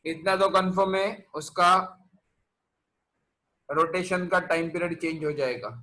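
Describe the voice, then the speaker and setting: A man's voice: a little high, measured pace, sharp tone, low-quality recording. A man teaching a physics class online, quizzing his students and mixing English terms into Hindi.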